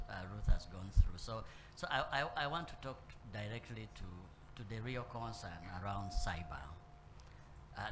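A man addresses a conference room in a measured, unhurried way, often restarting his phrases and filling pauses as he goes. His voice sits at an ordinary middle pitch for a man. A faint hum of room ambience lies under his speech. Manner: measured, with frequent repeats and fillers. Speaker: panel speaker on corporate governance. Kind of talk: spoken panel talk. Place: conference room with live and online audience.

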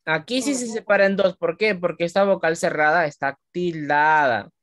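A woman teaching a class of young children, patiently explaining rules step by step and stretching words out slowly while she quizzes her pupils. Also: fairly low pitch, no room sound, studio quality. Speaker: primary school teacher.

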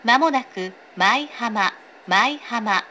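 On a train, with background noise clearly audible, a woman delivers a pre-recorded scripted announcement in a polite, formal manner with careful enunciation. Her voice sits on the high side and sounds expressive, pushed and bright, moving very slowly.

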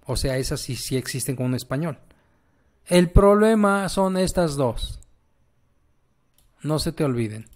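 Guy teaching pronunciation, slow and patient, kinda high voice, keeps saying ok. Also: animated. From Mexico. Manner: patient, repeats sounds, checks in with "¿ok?". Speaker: language teacher. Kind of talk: online pronunciation lesson.

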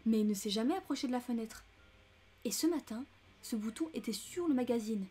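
Woman reader playing a chatty, indignant older American lady, mellow and fairly high. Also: expressive, brisk, breathy edge. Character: talkative, fussy, easily upset older American lady. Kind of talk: audiobook character reading.

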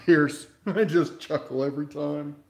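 A man's voice: fairly high pitch, fairly even intonation, a little slow, very noisy. A man hosting a casual tool review in a home workshop, talking while he works and cracking jokes at himself. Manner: wisecracking, talks while working.

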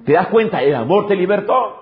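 Animated male pastor preaching emphatically. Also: sits high, fairly quick. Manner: emphatic preaching with repetition and rhetorical questions. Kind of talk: sermon. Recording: dull lo-fi recording.

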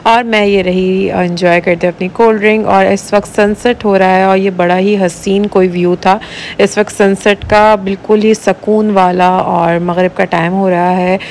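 Young woman, travel vlogger, casual voice-over, hesitant fillers, faint background noise. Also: mid-range voice. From Pakistan. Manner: chatty, relaxed, with many "uh" pauses. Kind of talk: casual travel vlog narration.

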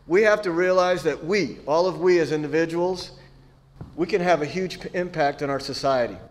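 A man's voice: on the high side, normal speed. A middle-aged man, a lay church member, reading a prepared announcement steadily from a lectern in a church.

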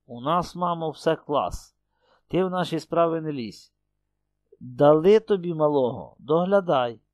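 A man's voice: fairly high pitch, measured pace, darkish tone, no room sound, clean studio sound, natural voice. Man playing a cold, curt young husband.

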